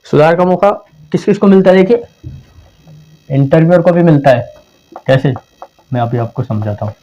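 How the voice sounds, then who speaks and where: A man's voice: fairly high pitch, normal speed, warm tone. A man giving a conversational exam-prep lesson, repeating points and acting out phrasings to show meaning. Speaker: teacher. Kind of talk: explanatory lesson. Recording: dull lo-fi home recording.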